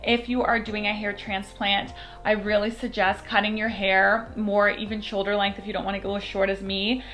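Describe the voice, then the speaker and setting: A woman's voice: mid-range voice, little pitch movement, moderate pace, a bit bright, soft background music. A woman talking candidly to camera in a casual vlog, recorded as a phone video on the phone's own mic, chatty and full of fillers. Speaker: vlogger. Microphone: phone microphone, no external mic.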